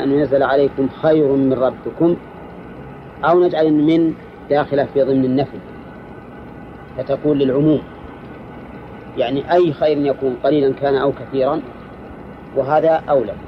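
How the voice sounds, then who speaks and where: A man teaching a lesson on Quranic exegesis to students, explaining in a measured way and putting questions to them. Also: mid-range voice. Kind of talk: recorded tafsir lesson to students. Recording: dull lo-fi recording with faint background noise.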